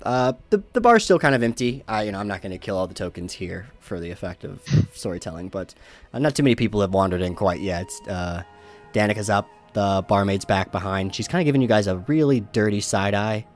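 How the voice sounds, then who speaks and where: Man game master, low voice, easygoing narration over soft music. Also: fairly quick. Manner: relaxed, filler-laden.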